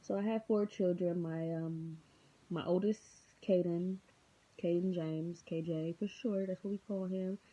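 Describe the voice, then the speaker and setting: A woman's voice: fairly low pitch, steady tone, measured pace. Tired, rambling young woman vlogging. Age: 20s. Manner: rambling, unscripted, many filler ums; goofy. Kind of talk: casual vlog chat. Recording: dull lo-fi sound.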